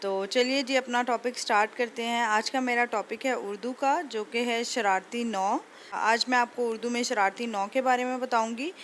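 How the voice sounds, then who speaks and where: A woman's voice: a little high, fairly even intonation, normal speed, a little hiss or hum. A woman teacher explaining a lesson patiently, repeating each point and sounding out letters one by one.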